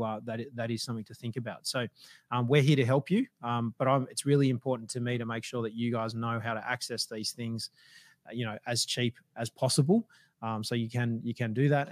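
Aussie guy hosting a livestream, flat delivery, lots of ums, voice getting worn, dry close sound. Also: medium pitch, no room sound. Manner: rambling, with many fillers and restarts. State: losing his voice. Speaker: livestream host. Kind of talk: casual business livestream talk.

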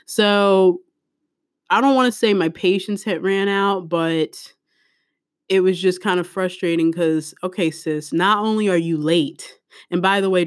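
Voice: medium pitch, dry recording. Chatty teacher telling a dry, close story. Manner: animated, chatty, quotes herself in class. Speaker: podcast host and public school English teacher in Korea. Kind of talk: casual storytelling podcast. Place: room with a window open.

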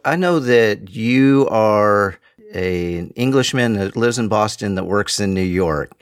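A low-pitched male podcast host conducts an interview conversationally, posing long questions built from several parts. The sound is clean studio audio with no echo.

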